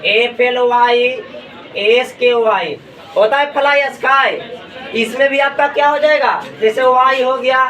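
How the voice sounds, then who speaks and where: A man's voice: very high-pitched, measured pace, bright, forceful tone, some chatter behind. A male teacher leads a classroom lesson, asking and answering his own questions over and over. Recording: echoey room, mic far off. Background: students in the room.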